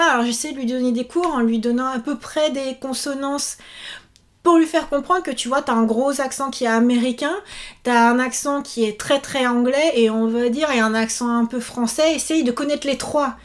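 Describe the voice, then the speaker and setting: A woman in her thirties chatting casually to camera in a vlog, animated and full of fillers. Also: sits high, normal speed. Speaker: YouTuber and author.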